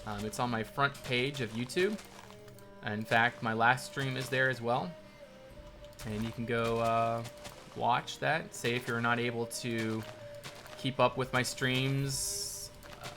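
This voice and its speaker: A bright, mid-range-voiced man hosts a live stream while building in a game, offering casual live commentary as he reads chat. He thanks followers and answers viewer questions in a relaxed ramble, with faint game soundtrack music behind him.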